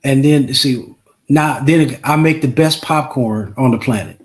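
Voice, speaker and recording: A musician guest on an interview podcast speaks in a medium-pitched voice at a measured pace, with noisy background sound. During the casual chat he talks emphatically, repeats himself and checks in with "right?".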